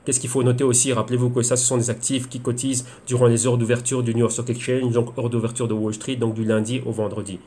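Fast-talking man analyzing trading charts. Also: mid-range voice, level tone, mellow. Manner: rapid, rhetorical questions, explanatory. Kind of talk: screen-share chart analysis.

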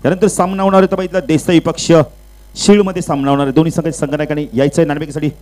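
Rapid-fire live commentary comes from a man on a public address mic at an outdoor local cricket match. He gets louder and higher-pitched for runs and wickets, calmer between balls, and weaves in English cricket terms. The audio is poor.

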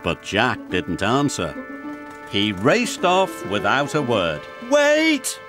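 A man narrating a children's story about work machines. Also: on the low side. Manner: slow, lively storytelling. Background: music.

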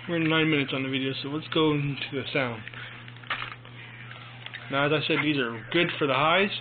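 A young man giving a casual, rambling product review in a phone video, halting and informal, recorded on a handheld phone in a room at home. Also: a little high. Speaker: amateur headphone reviewer. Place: small domestic room, indoors. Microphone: handheld phone mic. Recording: tinny phone recording with clear noise.

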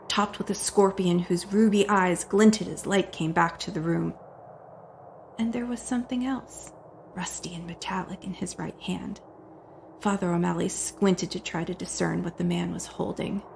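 A woman reads a dramatic horror tale from a script, her voice edged with gravelly fry. She often sinks into hushed whispers, with faint noise beneath her. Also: lowish voice, moderate pace. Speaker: narrator.

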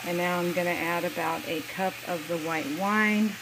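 A woman's voice: on the low side, steady tone, normal speed, very noisy. A woman narrating a home cooking vlog in a friendly, explanatory way, recorded in her kitchen with a handheld camera. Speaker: cooking vlogger.

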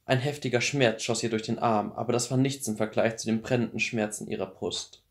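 A man in his twenties calmly reading a novel aloud as a bedtime audiobook. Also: mid-range voice, brisk. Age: 20s. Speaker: audiobook reader.

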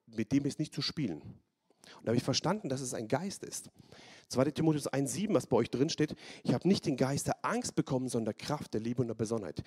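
A man preaching a sermon to a live audience, animated, with repetition and call-and-response. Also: medium pitch, breathy edge. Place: church hall, live audience.

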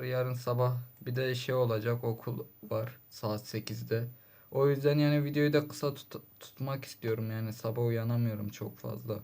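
A man's voice: medium pitch, a little mellow. A man giving casual gameplay commentary, grumbling and exasperated, with sudden frustrated outbursts. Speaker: gaming channel host.

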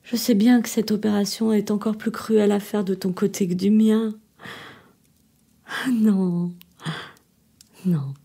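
A woman's voice: medium pitch, little pitch movement, unhurried, vocal fry, long pauses, mellow, husky. An actress reading a theatre monologue as a desperate woman pleading on the phone with her departing lover, often sinking to a trembling whisper. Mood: tender, heartbroken.

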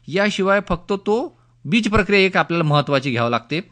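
Slightly high-voiced male radio advice expert. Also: expressive, quick pace, a bit bright. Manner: instructive, repeats key points. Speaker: agricultural expert guest on a radio phone-in. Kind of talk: spoken explanatory advice on radio.

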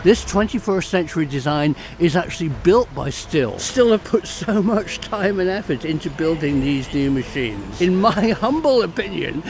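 A man's voice: sits high, slight background noise. An older man outdoors in a garden, talking close to a handheld camera as he explains the engineering of a chainsaw with enthusiasm and little bursts of laughter. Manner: enthusiastic, breaks into short laughs mid-sentence. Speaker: science filmmaker and farmer reviewing a chainsaw. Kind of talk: casual explanatory video review. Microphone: handheld camera held close, wide-angle selfie framing.

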